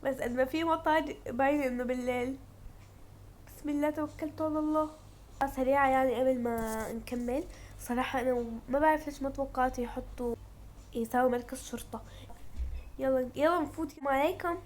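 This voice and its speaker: A woman's voice: high-pitched, quick pace, pauses often, darkish tone, a little hiss or hum. Chatty young woman gamer. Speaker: gaming vlogger. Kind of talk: casual game narration.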